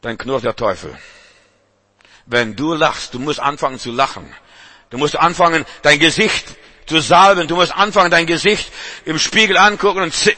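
Preaching to his congregation, this man exhorts them with emphatic repetition during the church service. His voice sits a little high, bright and forceful.

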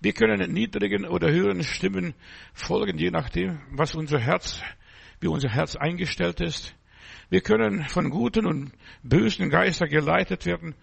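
A male pastor delivering a sermon in a strikingly gravelly, husky voice. He sits fairly high for a man and speaks slowly and emphatically. He punctuates his points with short affirmations. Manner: slow, emphatic, punctuates phrases with "ja".

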